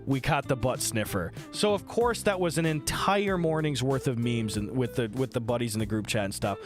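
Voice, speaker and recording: A man live-streaming from home, telling a wild story in an excitable, profane rush and tossing in quick voices for other people. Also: medium pitch, over music.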